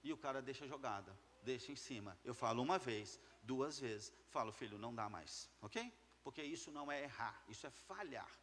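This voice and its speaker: A man's voice: mid-range voice, lively intonation, normal speed, fairly bright tone, in a large hall. A man giving an emphatic motivational talk to entrepreneurs, repeating key words and asking the audience questions. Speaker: business speaker addressing entrepreneurs.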